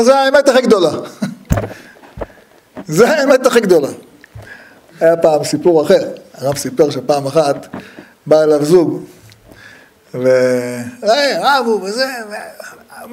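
A man giving a humorous religious talk, telling stories with lively acted-out dialogue and frequent laughter. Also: a little high, a little hiss or hum. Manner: lively storyteller who acts out the dialogue; laughs often at his own stories.

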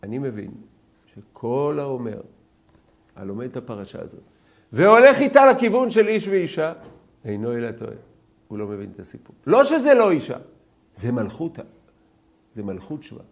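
Animated gravelly man teaching. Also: mid-range voice, pauses often. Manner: animated, rising to loud emphatic peaks; asks the class questions. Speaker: Torah teacher. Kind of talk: lecturing a class on scripture.

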